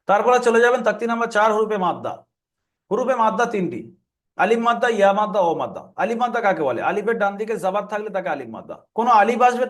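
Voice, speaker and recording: Quick, high-voiced man teaching Quran reading. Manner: explains rules, then drills letter sounds aloud in a repeating chant. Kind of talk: step-by-step tutorial lesson.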